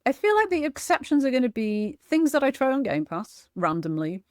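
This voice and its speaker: A woman's voice: sits high, big pitch swings, brisk, no echo, clean studio sound. A woman chatting casually about games she played, self-deprecating and laughing often. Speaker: gaming vlogger and streamer. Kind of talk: casual chat reviewing games.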